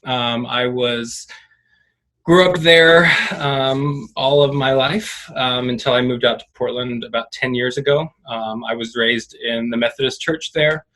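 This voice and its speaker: Guy from oklahoma, bright voice, lots of ums, being interviewed. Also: medium pitch, steady tone, a little slow, rough recording. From Oklahoma, USA. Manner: hesitant, frequent "um".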